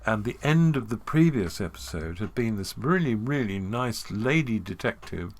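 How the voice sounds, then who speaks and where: A man's voice: on the low side, expressive, moderate pace. A man in casual chat, a rambling, self-mocking storyteller. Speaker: podcast host.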